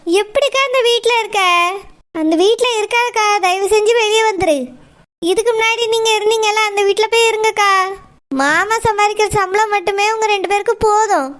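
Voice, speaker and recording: A woman's voice: very high-pitched, steady tone, fairly quick. A woman voicing an outspoken young woman in a village cartoon, urging her elder sister in a blunt, insistent, scolding way. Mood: urging, indignant.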